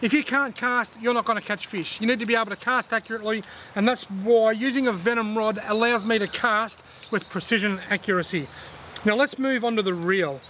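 High, bright-voiced Australian man outdoors. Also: brisk, a little hiss or hum. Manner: relaxed, chatty, plain-spoken. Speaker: fishing vlogger. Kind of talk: casual to-camera gear talk. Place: outdoors on a riverbank. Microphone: camera on a tripod at chest framing.

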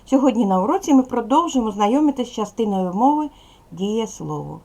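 A woman teaching a primary school class in a recorded video lesson, speaking clearly and patiently straight to the pupils. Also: fairly high pitch, expressive, a little fast, mellow.

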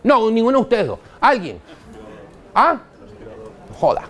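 Blunt Venezuelan man lecturing, lively pitch. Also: measured pace. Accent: Venezuelan Spanish. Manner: blunt, slangy, quizzes the audience. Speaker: dental lecturer. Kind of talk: live lecture to an audience. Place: university lecture hall.

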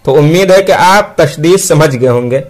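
A man teaching how to read the Quran, patiently repeating each rule and spelling out syllables one by one. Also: on the high side. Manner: draws out sounds slowly while spelling letters. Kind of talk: slow spelled-out recitation lesson.

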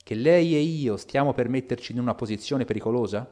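A man reading as a measured, dutiful lawyer. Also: mid-range voice, dark tone, lightly acted. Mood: resolute. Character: cautious middle-aged male lawyer, reasoned and dutiful.

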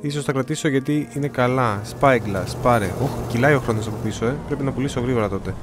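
A man's voice: medium pitch, over music. A young man giving casual gameplay commentary, chatty and often reading the game's dialogue aloud in changing voices. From Greece. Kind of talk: casual let's-play commentary.

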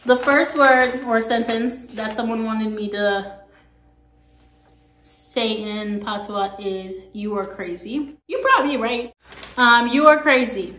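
A young Jamaican woman with a light accent sits on a couch in a small room at home, chatting to camera for her vlog with sassy asides. Her voice is fairly high, bright, and steady, she speaks slowly, and the room sounds echoey.

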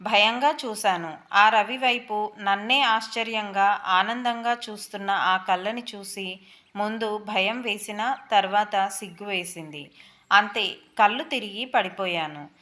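A woman storyteller narrating a first-person story in an expressive, dramatic way. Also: mid-range voice.

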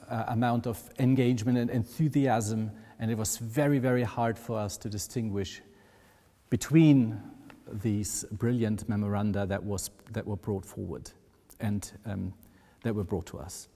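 A middle-aged German-accented man reads out award winners with measured, ceremonial pride. His voice is dark and mellow, and a long reverb hangs behind it in the room. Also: medium pitch. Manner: measured, proud ceremonial delivery. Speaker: award presenter. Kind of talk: formal speech to camera. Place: wood-panelled room, indoors.

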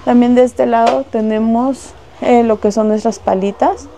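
A woman's voice: on the high side, fairly even intonation, measured pace, dark tone. A Mexican woman working in a shop, showing goods and listing wholesale prices in a casual way, with lots of little diminutives. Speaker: shop saleswoman. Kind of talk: casual product showcase. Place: shop indoors.

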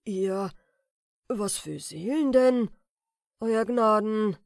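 A woman's voice: medium pitch, big pitch swings, no room sound, clean studio sound, exaggerated voice. A woman voicing a polite, astonished sailor man who hesitates with fillers, in a storybook reading. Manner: hesitant, with fillers, slow and deferential.

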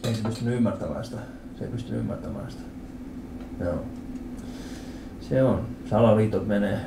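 A man in his thirties doing a stand-up comedy set in a club, telling stories with animated acted-out voices and lots of swearing. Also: fairly low pitch, gravelly, background noise. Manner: animated storytelling, acts out quoted voices, swears freely. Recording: roomy club with audience laughter.

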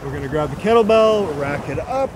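High-pitched male aerobics instructor, noisy beach recording. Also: expressive. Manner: brisk, short commands and encouragement while exercising. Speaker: fitness coach leading a workout. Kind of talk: aerobics-instructor style exercise cueing with counting. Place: outdoors on an open sandy beach by the water. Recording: noisy outdoor recording with surf and wind.

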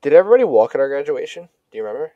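Rapid-fire and high-ish, with big swings in pitch, this young podcast host banters slangily with his friends. The recording comes across as both dry and muffled.

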